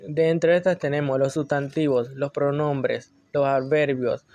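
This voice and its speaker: A man reading class notes aloud in a measured, list-like way, with occasional slips. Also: fairly high pitch, fairly even intonation, darkish tone, dry recording. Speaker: student presenter.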